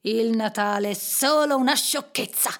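A woman's voice: a little high, normal speed, close to an everyday voice. A woman voicing a miserly, grumpy old man who scorns everyone. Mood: scornful. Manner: sharp, scornful.

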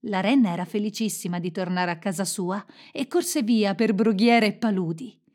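A woman narrating a fairy tale in a gentle, expressive storytelling manner. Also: medium pitch, moderate pace.

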